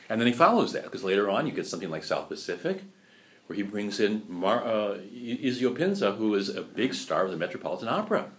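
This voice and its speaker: A man giving a lecture, chatty and animated, often asking rhetorical questions and laughing at his own points. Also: low voice. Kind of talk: lecture on musical theater history.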